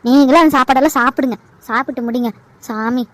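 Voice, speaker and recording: A pleading, protective young daughter from a homemade cartoon, voiced by a woman. She speaks fast and high. The sound is dry and close. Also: fairly bright tone, dry recording. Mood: indignant. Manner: pleading, indignant. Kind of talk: amateur cartoon voice acting.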